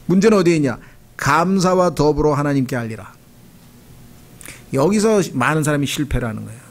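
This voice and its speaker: A man's voice: fairly high pitch, animated, fairly quick. A middle-aged Korean pastor preaching with a slightly raised voice. He talks to his congregation in a loose, conversational way, often slipping into the voices of people praying or complaining. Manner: conversational preaching, acting out prayers and quoted voices. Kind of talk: sermon.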